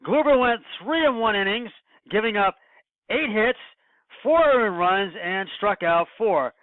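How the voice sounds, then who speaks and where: A man hosting his own sports podcast alone, talking in a halting way with many fillers and restarts. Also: high-pitched, animated, no room sound. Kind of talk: solo sports podcast monologue. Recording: dry, tinny phone-like sound.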